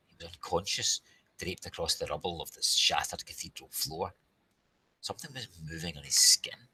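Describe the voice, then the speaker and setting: A Scottish man reading a children's novel aloud, with playful asides to listeners and a raspy voice. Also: extremely low pitch, pushed and bright, a little hiss or hum. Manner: chatty asides, playful greetings. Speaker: reader.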